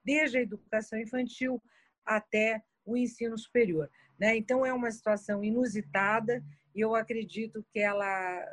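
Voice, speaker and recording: A woman's voice: medium pitch, dry recording. A woman, speaking reflectively as a guest in a panel discussion on education.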